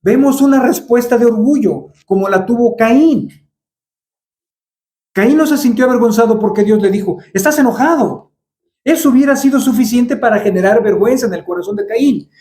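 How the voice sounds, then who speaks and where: Preacher, male, mellow high voice, echoey church, rhetorical questioning. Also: moderate pace. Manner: rhetorical questions, acts out quoted dialogue. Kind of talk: sermon. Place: church hall.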